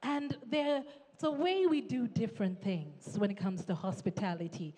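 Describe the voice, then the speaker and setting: A woman's voice: medium pitch, mellow. A Ugandan woman co-hosting a live gala dinner, teasing and chiming in to finish her co-host's lines. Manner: quick to chime in, teasing, finishes co-host's sentences. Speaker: event co-host. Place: large indoor banquet hall. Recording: echoey banquet hall with music.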